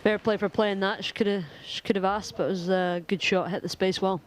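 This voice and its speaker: A woman from Wales with a Welsh accent, giving live squash commentary in a measured, analytical way with dry humour. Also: mid-range voice, steady tone.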